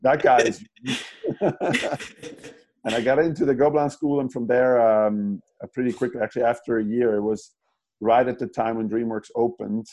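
A man's voice: mid-range voice, fairly even intonation, normal speed, mellow, low-quality recording. A man from German-speaking Switzerland, an animator guest in a casual interview, who talks in a rambling way with many restarts and fillers.

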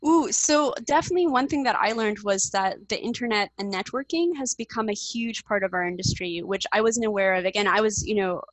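A woman speaks in a relaxed podcast interview. She is chatty and upbeat and leans on fillers like "like" and "um". Her voice sits at an ordinary pitch, and the recording is dry and close with no room sound. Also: brisk, hardly any pauses, no echo, low-quality recording. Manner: chatty, upbeat, many fillers like "like" and "um", laughs often. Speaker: interview guest, 2D animator.

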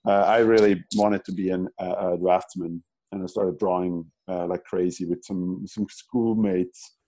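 A man's voice: deep voice, fairly even intonation, measured pace, warm tone, low-quality recording. A man from German-speaking Switzerland, an animator guest in a casual interview, who talks in a rambling way with many restarts and fillers.

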